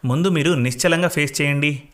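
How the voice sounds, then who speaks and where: A man voicing a calm, self-assured young male job candidate who speaks casually and easily. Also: a little high, fairly quick, lightly acted. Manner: easygoing, casual with English words.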